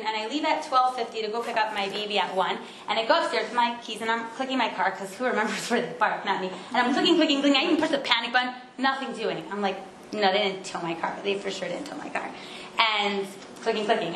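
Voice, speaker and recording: A woman in her thirties giving an informal class to a group of women, telling stories in a chatty way with quick asides. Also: a little high, a bit bright. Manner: chatty storytelling, fast asides, self-interrupting. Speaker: class speaker. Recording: roomy echo with faint background noise.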